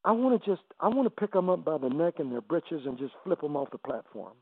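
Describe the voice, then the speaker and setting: An older man in his seventies with a gravelly, creaky voice tells his testimony as an evangelist guest. He halts, stumbles over repeated words and grows emotional. The sound is dry and thin, like a phone line on the radio. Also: on the high side, very animated, fast talker, no room sound. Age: 70s. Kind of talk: testimony storytelling on a radio interview.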